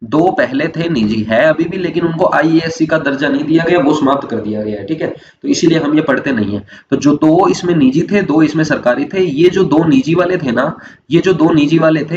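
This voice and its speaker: Guy teaching exam prep, asks and answers himself, kinda dull lo-fi sound w faint hum. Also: fairly high pitch. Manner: repeats questions and answers them himself; drills facts, slows down to stress key terms. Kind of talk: online exam-prep lecture.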